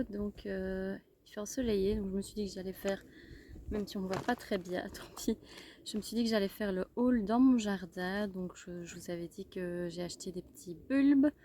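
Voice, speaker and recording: Mellow-voiced Belgian woman chatting in her garden. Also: mid-range voice, slight background noise. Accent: Belgian French. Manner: chatty, hesitant, many fillers and restarts. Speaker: gardening vlogger. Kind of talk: casual chat.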